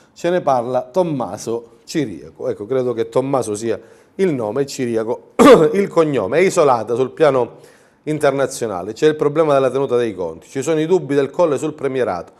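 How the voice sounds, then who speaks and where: A man delivering a sarcastic political commentary monologue, mocking and ironic, who often clears his throat. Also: medium pitch, lively intonation, normal speed.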